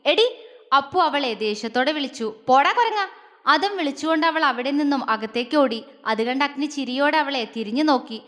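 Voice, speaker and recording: A woman storyteller reading a romantic family story with steady, expressive narration. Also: sits high, brisk, in a large hall.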